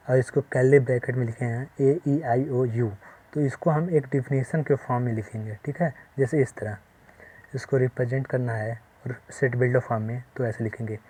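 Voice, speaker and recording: A man giving a maths lesson at a board, explaining step by step slowly and often checking that the class follows. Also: mid-range voice, darkish tone. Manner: slow, repetitive explaining with frequent check-ins. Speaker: maths teacher.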